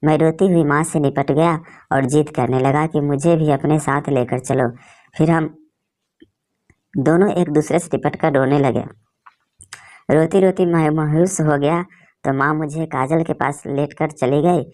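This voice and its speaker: A woman narrating an emotional story in a steady, feeling storytelling manner. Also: low-pitched, a little slow.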